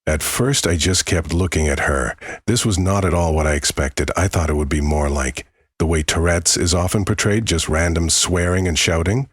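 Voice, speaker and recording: A man narrating a scripted first-person horror story in a measured way, with dramatic pauses. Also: low voice, husky, dry recording, clean studio sound.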